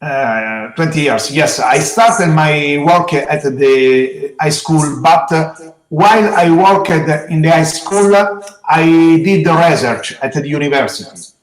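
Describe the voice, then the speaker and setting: Middle-aged man, Italian accent, slow halting answers, non-native phrasing, echoey room sound. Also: on the high side, expressive. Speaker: geology teacher being interviewed. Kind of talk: interview answers to students.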